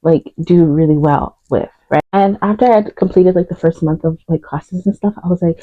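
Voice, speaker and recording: This Ugandan woman, in her twenties, relaxes into vlog storytelling about becoming a fashion designer while putting on makeup, with frequent fillers and self-corrections. Her voice is lowish and moderately paced. There's no room sound, and the audio is narrow and tinny.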